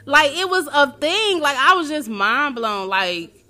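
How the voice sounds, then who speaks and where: A woman's voice: sits high, sing-song, unhurried, sharp tone. A woman co-hosting a casual chat, blunt and profane, laughing through her stories. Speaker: podcast co-host.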